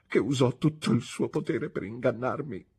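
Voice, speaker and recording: A woman reading an audiobook, voicing a gentle young woman who pleads softly and tearfully. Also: a bass voice, extremely slow, husky, pitched above the performer's own voice, heavily acted. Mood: pleading.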